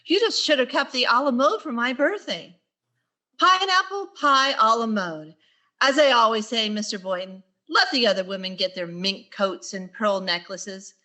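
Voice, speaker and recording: In the style of a 1940s radio sitcom, an actress with a sharp female voice plays a wry, quick-witted high school English teacher. She is sweetly sarcastic and adds dry, sarcastic asides.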